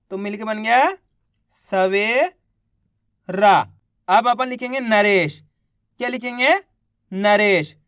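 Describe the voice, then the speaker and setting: A man's voice: high voice, a bit bright, smooth, no room sound, clean studio sound. A man teaching an online spelling lesson, repeating each word and quizzing the viewers patiently. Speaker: Hindi teacher.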